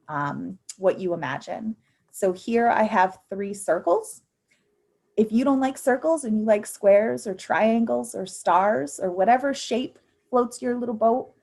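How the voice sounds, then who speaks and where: A financial literacy presenter in her thirties runs an online youth finance workshop over a video call, speaking into a computer mic. Her medium-pitched voice is a little mellow, and she sounds upbeat and encouraging, with frequent ums.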